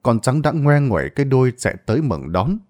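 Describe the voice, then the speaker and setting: A man's voice: mid-range voice, sing-song, brisk, darkish tone. A man narrating a Vietnamese ghost story in a dramatic storytelling style.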